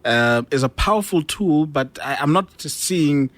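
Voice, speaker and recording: A man's voice: fairly high pitch, expressive, a little slow, fairly bright tone, no echo. A male radio host asking interview questions, with many fillers and hesitations. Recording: dry studio sound.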